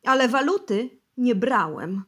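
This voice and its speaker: A woman voicing a heavyset, frightened middle-aged official who pleads, shouts and swears his innocence in an audiobook. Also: on the high side, expressive, slow, breathy edge, voice pushed up, exaggerated voice. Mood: pleading. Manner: shouting, pleading, crossing himself.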